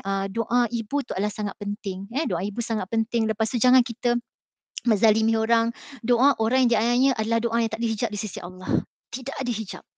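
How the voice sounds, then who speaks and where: Fast-talking Malaysian teacher, dry sound. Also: female voice, fairly high pitch, dry recording. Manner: earnest, animated storytelling with many fillers. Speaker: mathematics teacher on a school panel. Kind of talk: motivational talk with personal story.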